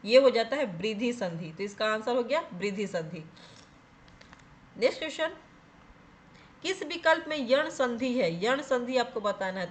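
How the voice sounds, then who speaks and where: A woman with a high-pitched voice teaches a grammar lesson for exam preparation. She explains each rule step by step, often puts a question to her viewers and then answers it herself. She keeps checking in with listeners as she goes. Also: slight background noise. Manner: repeats "theek hai" to check in with viewers.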